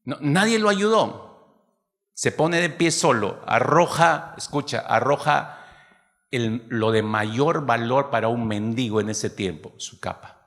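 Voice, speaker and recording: A man preaching a sermon to his congregation, lively, acting out the voices of people in the story. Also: mid-range voice, takes it slowly, long reverb tail. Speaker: pastor.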